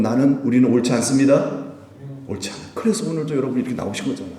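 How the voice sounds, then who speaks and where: A male pastor gives a Friday night sermon in a lively, up-and-down voice, chatting with his flock through rhetorical questions and the odd chuckle. His voice reaches the mic from a distance, and a long church reverb hangs behind every phrase. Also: fairly high pitch. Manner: conversational preaching with rhetorical questions and light laughter. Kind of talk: sermon at a Friday prayer meeting. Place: church sanctuary. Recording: roomy hall, voice from a distant mic.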